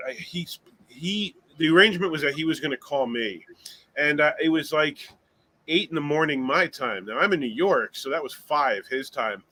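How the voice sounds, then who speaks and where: A man's voice: on the high side, lively intonation, normal speed, bright, forceful tone. A man as an author guest on a podcast, talking eagerly with stumbling restarts. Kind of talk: podcast interview chat.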